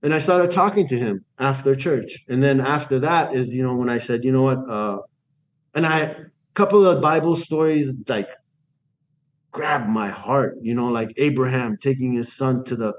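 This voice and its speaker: Speaking at normal speed in a mid-range voice, a man from Iran is the guest in a casual interview about his life. He's animated, frequently restarts his sentences, and acts out any dialogue he quotes. The audio comes across dull.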